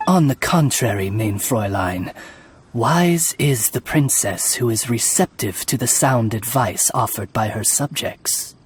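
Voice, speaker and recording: A man's voice: mid-range voice, lively intonation, a little slow, slight background noise, lightly acted. A man voicing a refined, deferential attendant to a princess in a video game, speaking with butler-like formality. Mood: deferential, advising. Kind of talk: video game character acting.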